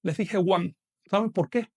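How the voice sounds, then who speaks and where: A man's voice: high-pitched, a little slow. A man teaching a live online lesson, patiently explaining step by step and asking questions that he then answers himself.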